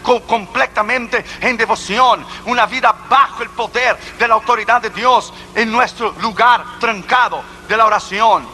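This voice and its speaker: A man's voice: very high voice, moderate pace, few pauses, bright, forceful tone, soft background music, low-quality recording. A man preaching a sermon, emphatic and full of rhetorical questions.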